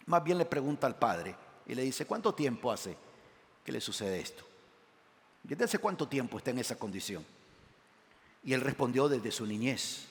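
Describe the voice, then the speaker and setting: A man preaches in a church, his slightly high voice trailing off into a long hall reverb. He reads scripture aloud and puts questions to the congregation. His delivery swings from loud emphatic lines to quiet, low asides. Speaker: pastor. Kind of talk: sermon. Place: church sanctuary.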